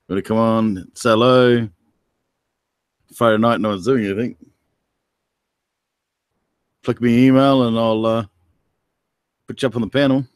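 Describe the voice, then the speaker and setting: This New Zealand-accented man runs a relaxed livestream, joking with his audience and calling out viewers by name. His voice sits on the lower side, and the recording is dry and clean, like a studio.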